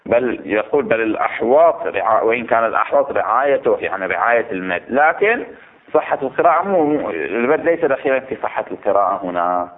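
A religious teacher with a medium-pitched, lively voice talks fast while teaching a class on recitation rules. He explains things step by step and quizzes the students, captured on a tinny, phone-like lo-fi recording.

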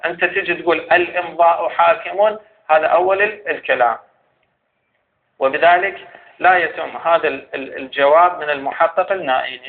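A man with an Iraqi Arabic accent giving a seminary lecture, arguing point by point and posing questions to the scholar he rebuts. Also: on the high side. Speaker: teacher of Islamic jurisprudence. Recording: tinny phone-like sound.

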